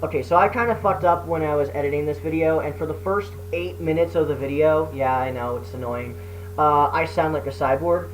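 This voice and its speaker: A man's voice: a little high, brisk, soft background music. A man speaking casually and apologetically to viewers as a video creator, hesitant, sweary and self-deprecating. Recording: noisy hum, poor microphone.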